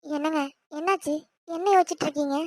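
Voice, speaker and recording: A woman voicing a calm, caring young wife in a cartoon, speaking gently. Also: high voice, quick pace, no room sound, clean studio sound, close to an everyday voice. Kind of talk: cartoon voice acting.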